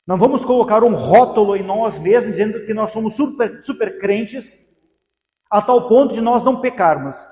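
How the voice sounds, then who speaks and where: A Brazilian pastor with a Brazilian Portuguese accent preaches in a high, ringing voice with lively intonation, a darkish tone, and a moderate pace. He presses his message with repeated rhetorical questions as his words echo through a large hall with a long reverb tail.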